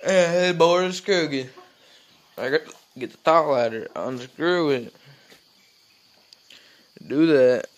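Slow and full of pauses, a teenage farm vlogger rambles through a casual tour, phone camera held out at arm's length. He shows off an open wooden barn, the animals and a trailer outside on the farm, switching to a high baby voice when addressing the animals.

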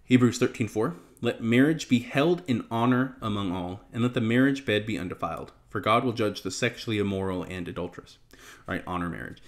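A man in his thirties giving a casual Bible lesson to a webcam in a small home study, reading passages aloud and talking earnestly with fillers and restarts. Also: fairly low pitch. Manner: earnest and conversational, with fillers, restarts and emotional pauses. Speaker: Bible teacher. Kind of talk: casual teaching to camera, reading scripture aloud.

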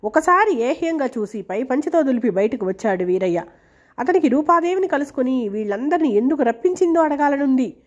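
A woman reading a novel aloud in a steady, measured storytelling manner. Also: high-pitched. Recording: dull lo-fi recording.

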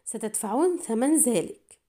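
A woman's voice: fairly high pitch, animated, fast, darkish tone, natural voice. Woman reading a fervent, devoted young woman. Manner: eager, fervent.

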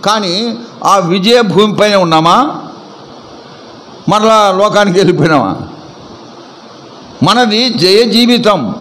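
High-voiced emphatic preacher. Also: male voice, expressive, takes it slowly, pauses often, a bit bright, a little hiss or hum, rough recording. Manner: emphatic, quizzing the congregation with repeated questions. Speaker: pastor. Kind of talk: sermon.

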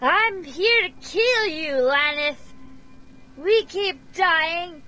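A performer voicing a bitter, tipsy mercenary leader in a fantasy game. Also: female voice, very high-pitched, lively intonation, drawn-out words, pushed and bright, soft background music, full character voice. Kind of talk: game voice acting.

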